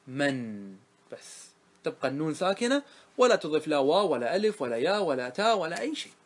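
A man's voice: a little high, very animated, quick pace. Man quizzing his grammar class. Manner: quizzing students with repeated questions. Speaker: teacher of Arabic grammar. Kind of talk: classroom lesson.

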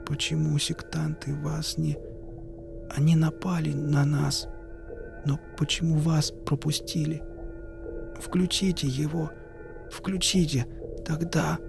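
A man voicing a dying male scientist who speaks in a faint, breathy whisper. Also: on the high side, level tone, slow pace, long pauses, over music, voice pushed up, full character voice. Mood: whispering, fading.

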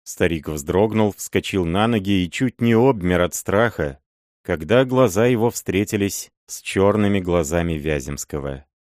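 A man narrating a literary audiobook in a measured, even storytelling manner. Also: deep voice, dry recording, studio quality.

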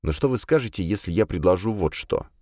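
A polite, patient ghost speaks in a deep, soft, even tone, as a male narrator puts him on. His manner is courteous and calm. The voice is close and dry with no room sound. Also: fairly quick, dry recording. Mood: gentle, patient. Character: tall pale ghost, polite and patient man.

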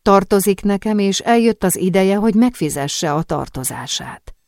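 A woman reading the part of a calm, self-satisfied Italian nobleman, speaking in a measured way. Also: medium pitch, no room sound, clean studio sound, voice pushed up, lightly acted. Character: calm scheming Italian nobleman, middle-aged man.

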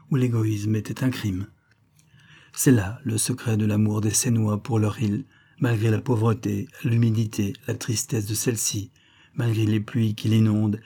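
A man reading a classic adventure novel aloud in a measured, expressive way. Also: lowish voice, slightly rough. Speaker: audiobook reader. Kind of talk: audiobook narration of a classic novel.

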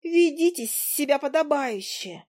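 A shrill, fussing little fly-lady from a storybook, as a woman reader puts her on, her voice pitched up high and slowed into a prim, fretful chirp. She scolds and worries in an animated, fluttering way. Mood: scolding. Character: fussy tiny female talking fly.

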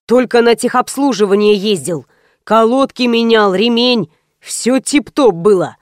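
Женщина читает ворчливого раздражённого мужчину. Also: female voice, on the high side, a little slow, no room sound, studio quality, close to an everyday voice. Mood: irritated. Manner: grumbling, irritated. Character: irritable grumbling man, car owner.

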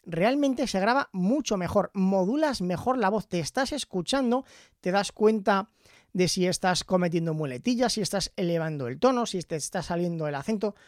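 A man from Zaragoza, Spain, chatting casually into a studio microphone as he reviews his headphones, often tagging his phrases with a quick question. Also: sits high, lively intonation, darkish tone, dry recording. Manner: chatty, tags phrases with "¿vale?". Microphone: studio microphone in front of him.

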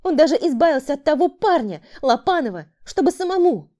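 A shrill, high-strung woman who schemes and then panics, pleading and defending herself, as an audiobook narrator plays her. Her voice jumps high and stays tense throughout. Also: expressive, normal speed, warm tone. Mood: panicked. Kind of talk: audiobook character voice.

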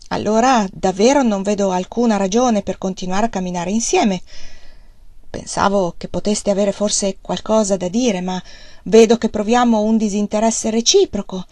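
A woman's voice: medium pitch, fairly even intonation, normal speed, dark tone, no room sound, close to an everyday voice. A woman reading a stern, proud mill owner. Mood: bitter.

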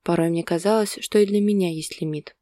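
A woman reading the part of a heartbroken young woman, speaking quietly with tearful resolve. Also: on the low side, fairly even intonation, a little fast, no echo, studio quality, natural voice. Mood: bitter.

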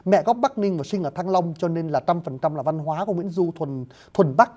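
Man lecturing slowly, with a dark mellow voice. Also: a little high. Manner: addresses listeners as "thưa quý vị", explains word by word; hesitant fillers, slow deliberate explaining. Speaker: lecturer on classical poetry. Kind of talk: spoken literature lecture.

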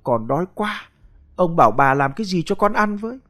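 A man's voice: sits high, big pitch swings, a little fast, a bit bright, pitched above the performer's own voice. A man doing a pleading little boy. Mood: whiny. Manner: pleading, small voice. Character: young boy grandson, pleading and sleepy.

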